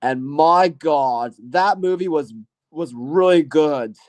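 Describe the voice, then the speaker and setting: A channel host with a slightly high voice takes it slowly as he talks through his year and reviews movies. He rambles casually and hesitantly, hedging often, trailing off, and leaning on "you know" and "I guess."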